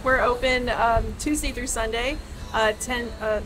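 A woman from a restaurant answering interview questions in a friendly way, with hesitant pauses. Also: a little high, fairly even intonation, over music, poor audio. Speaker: restaurant staff. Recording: camera audio with background noise.

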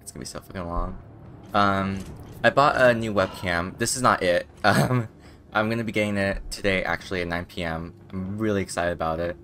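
Very low-pitched young man streaming. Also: fairly quick, a bit bright, slight background noise. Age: young adult. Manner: profane, rambling. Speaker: game streamer. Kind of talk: casual gameplay commentary.

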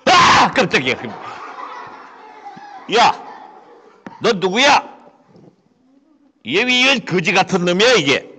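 A greedy rich man who barks and scolds in a lower, gruff, blustering voice, as a man puts him on in a puppet show. His tone stays bright and forceful. A long church hall echo trails each word. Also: sing-song, slow pace, long pauses, a little hiss or hum, heavily acted. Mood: scolding.

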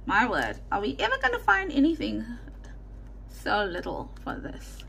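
Fairly high-pitched with huge pitch swings, her voice is a little slow, gravelly and pushed bright, with slight background noise. She's a South African woman with a South African Indian English accent, rambling casually at her desk in an overhead-shot crafting video showing only her hands, correcting herself and muttering asides.

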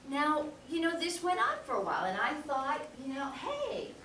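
A woman's voice: high voice, fairly quick. Woman lecturing in an echoey hall. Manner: animated, checks in with the audience by asking "okay?". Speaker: guest speaker. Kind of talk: storytelling lecture. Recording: echoey hall, distant mic, background noise.

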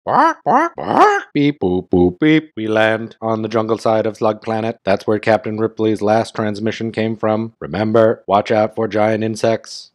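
A man voicing a robot chicken science officer who beeps, clucks and makes flat announcements in a cartoon read-aloud. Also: fairly low pitch, natural voice. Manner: clucks, bark and beep sounds between flat announcements.

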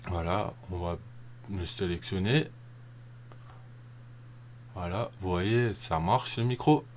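Rambling low-voiced man explaining. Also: takes it slowly, a little hiss or hum. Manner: rambling, repeats himself, frequent hesitations. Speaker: tutorial narrator. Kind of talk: casual screen-recording tutorial voice-over.

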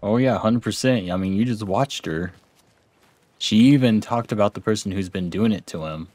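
Laid-back gamer talking low. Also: male voice, normal speed, darkish tone, dry recording. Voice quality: laid-back, chatty, thinking aloud. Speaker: let's play host. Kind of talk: casual gameplay commentary.

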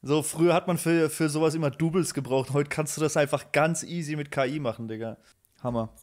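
A man's voice: a little high, a little fast, a little mellow. Enthusiastic slangy man. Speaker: guest. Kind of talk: casual reaction chat.

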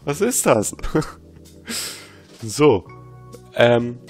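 A man at a middle pitch talks through a video game in a loose, casual commentary voice. He reads on-screen text aloud and keeps bursting out in exasperated disbelief, with faint game music playing underneath. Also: very slow. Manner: exasperated, excitable outbursts. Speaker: let's player.

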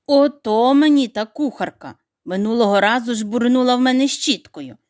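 A woman's voice: a little high, moderate pace, darkish tone, no room sound, studio quality, natural voice. A woman voicing a sly, hungry female fox who sniffs and plots. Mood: scheming.

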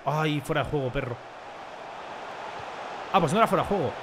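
A young man, commentating his football video game with jokes, dramatic rants and sudden shouts. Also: on the high side, lively intonation, brisk, noisy background. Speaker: gaming streamer.

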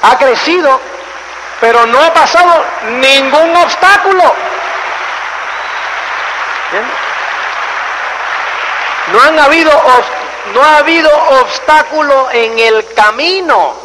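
A man's voice: very high-pitched, slow pace, pauses often, crowd noise. A man giving a live motivational seminar, telling stories animatedly and firing rhetorical questions at the audience. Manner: animated storyteller, acts out scenes and asks the audience rhetorical questions. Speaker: motivational speaker. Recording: reverberant hall with faint noise.

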